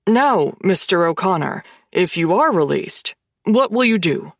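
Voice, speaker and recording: Casting: woman reading a jittery, polite TV newsman, slow and measured, slightly low. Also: lively intonation, dry recording, clean studio sound. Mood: nervous. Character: nervous male TV reporter, polite and formal.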